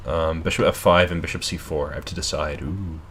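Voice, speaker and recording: Very deep-voiced man muttering chess moves. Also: fairly even intonation, brisk, a bit bright, a little hiss or hum. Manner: thinking aloud, muttering asides. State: losing his voice. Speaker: chess streamer. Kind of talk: casual live game commentary.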